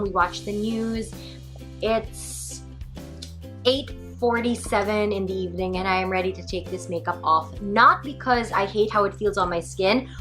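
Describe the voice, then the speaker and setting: Filming herself handheld both at home and in her car, a chatty young woman from the Philippines keeps up a casual beauty-vlog conversation with the camera. Her voice is slightly high and a bit bright, and the recording quality is poor.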